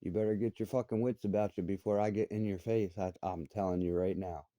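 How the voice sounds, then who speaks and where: A man's voice: on the low side, fairly even intonation, a little fast, mellow, dry recording. A man in his thirties giving an angry, profane personal rant. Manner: profane, confrontational, heated. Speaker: vlogger.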